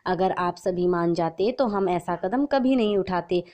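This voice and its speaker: A woman voicing a gentle young bride who speaks softly and respectfully in a storybook tale. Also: lowish voice, measured pace, lightly acted. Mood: apologetic. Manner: soft and respectful.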